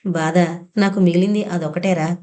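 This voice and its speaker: A sick old father, full of sorrow, pleads in a low, mellow voice, as a woman narrator reads his part. His lines in this audio novel are heavy and weary. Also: fairly even intonation, moderate pace, natural voice. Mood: sorrowful. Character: ailing elderly father, grieving and anxious.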